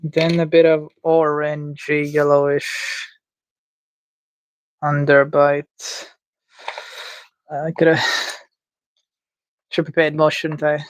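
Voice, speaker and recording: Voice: medium pitch, monotone, takes it slowly, pauses often, a little hiss or hum. Streamer musing while drawing. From Latvia. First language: Latvian. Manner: thinking aloud, unsure and self-mocking. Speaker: livestreamer. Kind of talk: casual commentary while drawing live.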